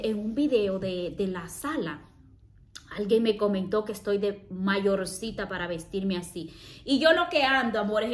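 A woman's voice: mid-range voice, echoey room, a little hiss or hum. A woman, chatting casually to her viewers in a vlog and calling them her loves. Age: 30s. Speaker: vlogger.

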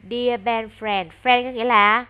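Vietnamese accent lady teaching kid english, cheery praise, says words real slow. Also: fairly high pitch, flat delivery, smooth, highs cut off. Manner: encouraging, slow deliberate English modelling. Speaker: English tutor. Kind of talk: online English lesson for a child.

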